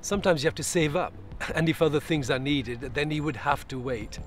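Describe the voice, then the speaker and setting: A man's voice: on the high side, a little fast. A man in his forties giving a testimonial of his views as a community member. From Bradford, England. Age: 40s. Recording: soft music bed behind the voice.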